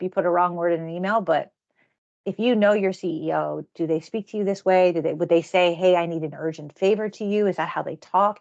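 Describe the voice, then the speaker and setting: A woman leads a security training webinar in a casual, conversational manner, circling back and restarting her sentences. Her voice sits low with a gravelly, fry-laden edge. The audio is dull and lo-fi. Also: darkish tone. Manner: conversational, repeats words and restarts phrases. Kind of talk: webinar presentation.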